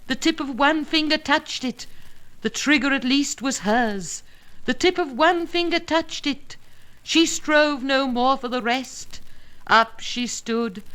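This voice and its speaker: On a rough recording, a woman with a fairly high voice reads narrative poetry aloud. Her delivery is dramatic, measured, and expressive, with deliberate pauses and emphasis.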